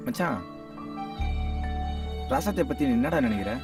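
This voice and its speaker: A man's voice: mid-range voice, lively intonation, moderate pace, vocal fry. An actor playing an earnest, lovesick young man who pleads with his friend, in film dialogue. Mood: pleading. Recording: distant film sound with music.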